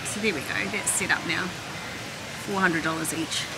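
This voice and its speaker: In a busy, noisy warehouse store, a middle-aged woman films her shopping vlog on a handheld phone. Her fairly low voice moves at a moderate pace as she chats and thinks out loud while browsing.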